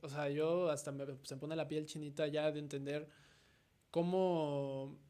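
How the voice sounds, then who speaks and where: A young Mexican man in his twenties speaks as the guest artist in a relaxed interview. His voice sits a little high for a man. He reflects out loud and keeps checking in with a quick questioning "no?". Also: smooth. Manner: reflective, tags nearly every thought with a questioning "no?". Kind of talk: casual conversational interview.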